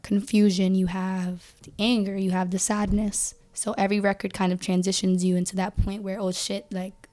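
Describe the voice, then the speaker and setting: A woman's voice: medium pitch, level tone, normal speed, hardly any pauses, dark tone. A woman singer guesting on a podcast, talking casually with many "like" fillers and some swearing. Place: podcast studio.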